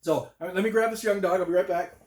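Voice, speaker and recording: A man's voice: high voice, steady tone, fast, darkish tone. A man who trains dogs, explaining scent work in a folksy, casual way. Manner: folksy, talks to a dog with firm short commands. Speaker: dog trainer. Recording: roomy echo, voice heard from afar.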